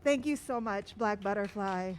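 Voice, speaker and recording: A woman's voice: mid-range voice, moderate pace, slight background noise. Woman emcee introducing a poet. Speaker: event emcee. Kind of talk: introducing a performer. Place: outdoor street memorial gathering.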